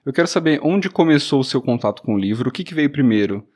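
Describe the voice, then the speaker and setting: Male podcast host, mid pitch, friendly conversational interviewer. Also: animated, fast, darkish tone. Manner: friendly, chatty questioning.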